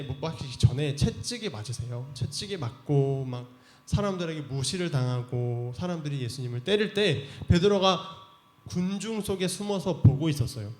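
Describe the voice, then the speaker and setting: Youth pastor guy, animated storytelling, slightly high voice, echoey church. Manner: animated retelling that acts out the characters' voices, chatty. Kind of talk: storytelling sermon for teens.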